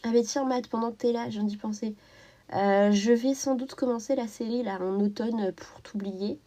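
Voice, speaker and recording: A woman's voice: a little high, fairly even intonation, normal speed, dark tone. A young woman hosting a casual live stream from home, talking through a stuffy nose and sniffling from a cold, chatty and greeting viewers by name. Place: at home while colouring.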